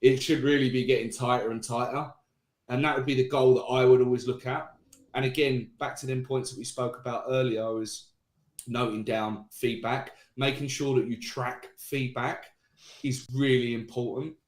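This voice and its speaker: A man who is a guest designer, a bit tipsy and lively, explaining his process steadily in a casual panel chat. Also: medium pitch, moderate pace. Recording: roomy echoey sound.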